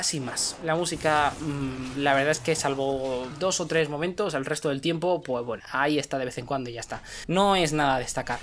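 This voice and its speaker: A man with a Spain Spanish accent reviewing a video game in a casual, animated way, repeating words for emphasis. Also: a little high, a little hiss or hum.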